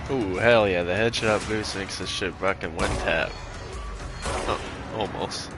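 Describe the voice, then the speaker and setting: A man giving casual gameplay commentary as a streamer, excitable, profane and joking. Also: low-pitched, a little slow, loud music behind the voice. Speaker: gaming streamer.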